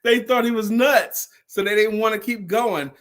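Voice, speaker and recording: In an informal, chatty story, a male storyteller and sales speaker repeats key phrases with real emphasis so they land. His voice sits high with a fairly bright tone at a moderate pace, and he voices the dialogue himself while retelling it.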